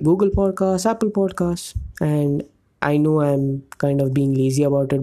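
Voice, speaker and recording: A man's voice: fairly high pitch, mellow. A man hosting a solo podcast, talking in a loose, rambling way and searching for words mid-sentence. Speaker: podcast host. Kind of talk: casual solo podcast monologue.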